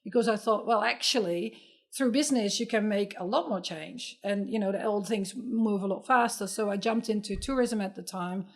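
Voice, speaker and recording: A woman's voice: medium pitch, normal speed. A middle-aged woman from the Netherlands with a Dutch accent, telling her life story as a podcast guest in an earnest, reflective way. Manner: earnest, reflective, with light laughs and restarts. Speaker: podcast guest, sustainability entrepreneur. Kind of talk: conversational interview storytelling.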